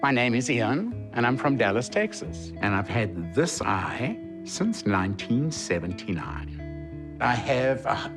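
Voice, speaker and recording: A man's voice: medium pitch, big pitch swings, slow pace, over music. A man of about sixty with a South African accent, frankly and wryly telling his story in a documentary interview. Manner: frank, wry, chatty. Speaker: prosthetic eye patient. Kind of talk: documentary interview and self-narration.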